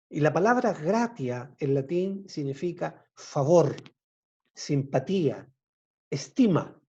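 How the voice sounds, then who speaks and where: A man giving an informal Bible study talk, explaining terms slowly and checking in with his listeners. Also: on the high side, dark tone, muffled recording. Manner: slow, explanatory, often asks "¿ya?". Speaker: Bible teacher.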